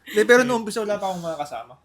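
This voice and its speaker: Filipino guy, kinda high voice, casual podcast chat, gets loud when excited. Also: very fast, crowd noise. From Philippines.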